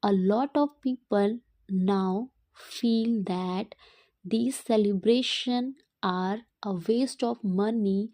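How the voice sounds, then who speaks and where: A woman is dictating as a teacher would for learners writing it down. She goes very slowly, in small groups of words with clear gaps between them. Her tone is dark and relaxed, at a medium pitch, in a dry recording with little room sound. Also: no echo. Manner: dictating word group by word group with deliberate pauses. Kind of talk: slow dictation, read out in short separated phrases and repeated.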